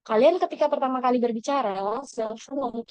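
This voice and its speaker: A woman's voice: on the high side, fairly quick, darkish tone, dry recording. A woman mentoring scholarship applicants in an online lesson, speaking encouragingly to the audience with frequent fillers and self-corrections.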